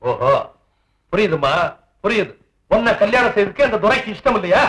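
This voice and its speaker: A genial male household head from a 1960s film melodrama,. His fairly high voice swings widely in pitch as he teases and soothes the young woman. He speaks to her fondly, calling her 'ma'. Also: very animated, fairly quick, fairly bright tone, rough recording. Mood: genial, teasing. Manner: indulgent, calls her 'ma', teasing. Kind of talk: 1960s Tamil film acting.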